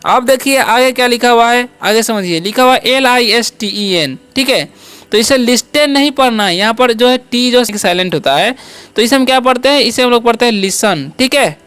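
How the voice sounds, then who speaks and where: A man's voice: very high voice, a little fast, a bit bright, smooth, dry recording. A man teaching basic English words, often repeating questions to his students. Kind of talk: spoken English lesson.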